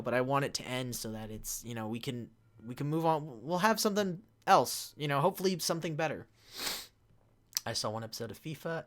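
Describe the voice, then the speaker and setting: Serving as a panelist in a casual live Q&A, a man fields fan questions in a halting, often rambling way, frequently interrupting himself. His voice sits at medium pitch and sounds a bit bright.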